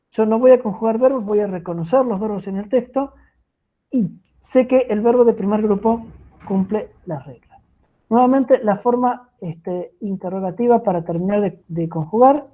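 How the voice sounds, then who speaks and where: A woman with an Argentine Spanish accent teaching French grammar in an online class, patient and checking in with her students often. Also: a little high. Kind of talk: online lecture explaining grammar. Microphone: video call. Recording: tinny phone-like video call audio.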